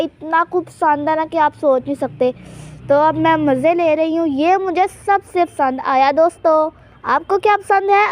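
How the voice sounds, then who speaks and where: High-voiced woman chatting through game role-play. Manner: chatty and teasing, keeps hinting at secrets. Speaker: gameplay channel host. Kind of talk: casual in-character game role-play narration.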